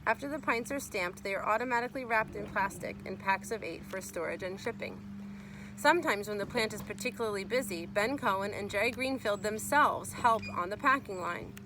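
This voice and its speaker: A woman with a mid-range voice reads a children's nonfiction book aloud at a brisk pace, explaining things to young listeners the way a teacher would. Background noise can be heard.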